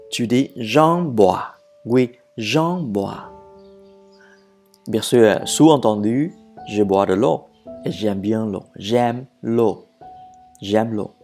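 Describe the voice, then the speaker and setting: A French teacher giving a slow grammar lesson, switching between French and English, repeating phrases and correcting herself or himself. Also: medium pitch, a little mellow. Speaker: language teacher.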